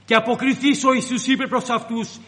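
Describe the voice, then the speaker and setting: A man with a very high voice delivers a sermon, telling the scripture story dramatically and slipping into its characters' voices. His words ring out with the long reverb of a large church hall. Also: flat delivery, a bit bright. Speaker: preacher.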